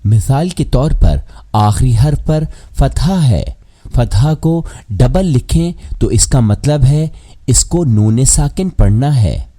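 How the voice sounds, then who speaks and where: A man teaching Quran pronunciation rules in a measured, scripted lesson. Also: mid-range voice, expressive, dark tone.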